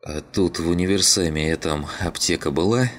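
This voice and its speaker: A man voicing a weary male scavenger who speaks tersely, in a quiet, pained mutter. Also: low-pitched, moderate pace, slight background noise.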